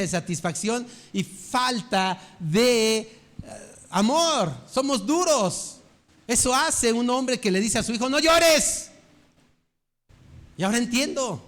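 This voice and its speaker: An older pastor preaching a sermon in a fairly high voice. He talks earnestly and keeps asking his listeners rhetorical questions.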